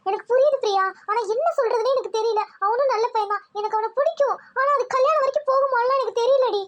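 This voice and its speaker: A woman's voice: very high voice, fast, lo-fi sound. A woman voicing a young female college student in a Tamil cartoon, pleading and anxious. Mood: troubled.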